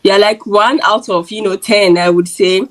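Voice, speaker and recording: A woman's voice: medium pitch, fairly even intonation, moderate pace, rough recording. A woman from Ghana hosting her channel, chatty and filling her talk with "like". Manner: chatty, uses lots of "like". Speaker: YouTube host and interviewer. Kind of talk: casual interview chat.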